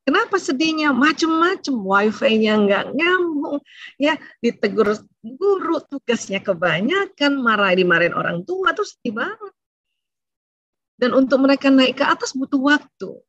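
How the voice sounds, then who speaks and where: A woman giving a religious seminar talk on family and emotions, explaining in a conversational way and often tagging her phrases with a soft "ya". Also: high-pitched, very animated, normal speed, no echo, lo-fi sound. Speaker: Islamic lecturer on family and emotions.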